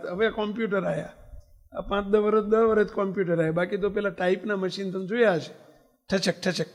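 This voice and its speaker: A man's voice: high-pitched, in a large hall. A man giving a sermon as a swami, telling stories and often putting questions to the audience. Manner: asks the audience frequent questions. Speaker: swami preacher. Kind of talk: sermon with storytelling.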